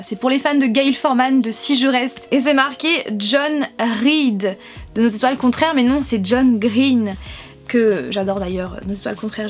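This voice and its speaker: A woman with a high voice chats casually to her viewers. She talks loosely, often hesitating and restarting. Faint music plays quietly behind her. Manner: chatty, hesitant with many fillers. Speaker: book vlogger. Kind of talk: casual haul chat to camera.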